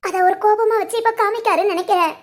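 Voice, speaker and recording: A tearful young wife in a family cartoon who has been wronged, voiced by a woman. She pleads in a wounded, very high voice. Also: fast. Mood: pleading. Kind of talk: cartoon voice acting.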